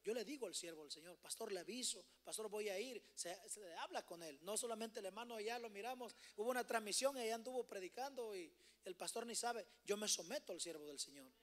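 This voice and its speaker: A man's voice: high voice, quick pace. A man leading a church Bible study, exhorting the congregation and repeatedly addressing them as brothers. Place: church hall.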